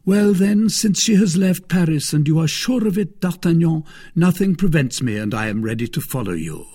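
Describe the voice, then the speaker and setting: A man's voice: a little high, very animated, a little slow, dark tone, breathy edge, voice pushed up, heavily acted. A man reading as an anxious lovesick young musketeer. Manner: pleading, emotional and eager.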